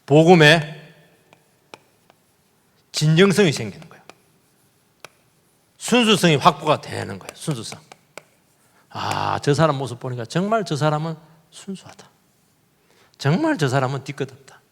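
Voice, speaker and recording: A male pastor delivers a Sunday sermon in a church sanctuary, leaning hard on rhetorical questions to the congregation. His voice sits a little high and moves with lively, wide swings in pitch. The sound carries a long reverberant tail from the hall. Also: moderate pace, gravelly, pauses often.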